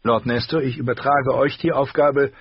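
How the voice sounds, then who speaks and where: A man's voice: mid-range voice, fairly even intonation, moderate pace, husky, dry recording, highs cut off, pitched above the performer's own voice. A man voicing a proud, stern middle-aged noblewoman who speaks in a curt, commanding way.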